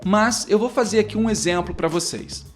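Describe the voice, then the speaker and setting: A man's voice: high voice, moderate pace, soft background music. A man teaching English, who explains lesson steps in a casual, talkative way full of fillers and restarts. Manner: talkative, many fillers and restarts, acts out teacher-student dialogues.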